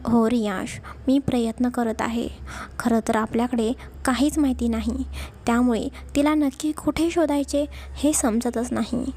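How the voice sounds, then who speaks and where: A woman voicing a young policeman friend who reassures calmly and apologetically in a storybook reading. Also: a little high, normal speed. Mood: reassuring.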